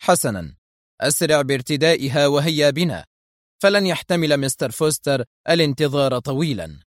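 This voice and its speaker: A man voicing a stern, ruthless male gang leader who gives sharp commands. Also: on the high side, animated, a little fast, dry recording, clean studio sound, natural voice.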